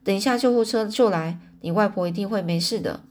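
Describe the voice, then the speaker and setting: Protective teenage boy, calm, reassuring, read by a woman. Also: mid-range voice, brisk, close to an everyday voice.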